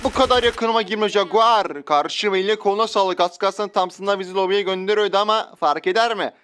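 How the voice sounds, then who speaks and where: A young man giving loud, joking commentary while playing a shooter game, often shouting out at sudden moments. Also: high-pitched, brisk, smooth. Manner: loud outbursts, joking, slangy. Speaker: gaming YouTuber. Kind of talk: excited gameplay commentary. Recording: faint game sounds and gunfire.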